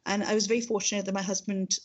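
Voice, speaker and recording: A woman's voice: medium pitch, level tone, very fast, dull audio. Woman with a strong Pakistani accent. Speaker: speech-language pathologist and university lecturer. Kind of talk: informal professional talk about own work.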